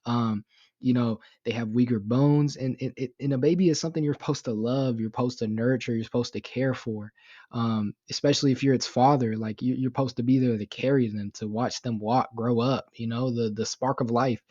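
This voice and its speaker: A man's voice: medium pitch, steady tone, a little fast, mellow, no room sound, muffled recording. A young man giving casual commentary on a news story, rambling with lots of fillers, swearing and sounding indignant. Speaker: YouTube commentator.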